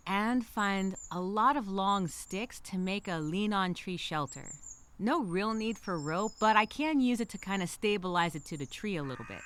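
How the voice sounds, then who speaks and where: Acting as a stranded castaway recording a spoken journal, a woman rambles nervously in an animated, medium-pitched voice, bright but anxious. She sounds uneasy while planning, second-guessing herself, offering nervous self-reassurance and dropping sarcastic asides in this wry dramatic monologue.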